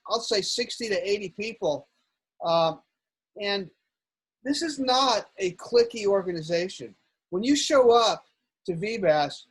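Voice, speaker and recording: An astronomy club board member and club regular chats casually during a live club session over a video call whose audio keeps breaking up. His voice is husky yet high, the sound quality is poor, and he rambles, repeating words as he restarts.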